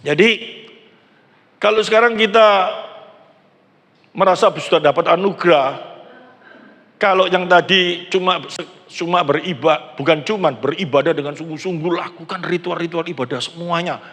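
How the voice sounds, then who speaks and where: The pastor, a man in his sixties with an East Javanese accent, preaches a chatty sermon and asks the congregation questions, his voice echoing through a large church hall. His tone is fairly bright and on the high side, at a moderate pace with frequent pauses.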